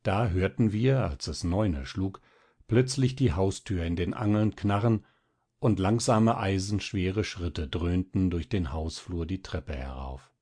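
A man narrating a literary tale as an audiobook, reading with expressive, dramatic pacing. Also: low voice, a little slow.

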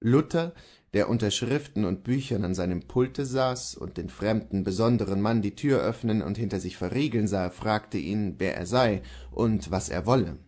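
A man narrating a classic literary story as an audiobook, in a measured, steady manner. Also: lowish voice. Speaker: audiobook reader.

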